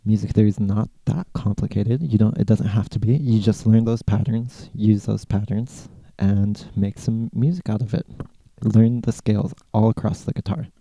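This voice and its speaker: A man's voice: on the low side, fairly even intonation, moderate pace, vocal fry, dark tone, husky. An American man from California, hosting a podcast and casually answering listener questions in a laid-back, rambling way. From California, USA. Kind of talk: casual Q&A chat.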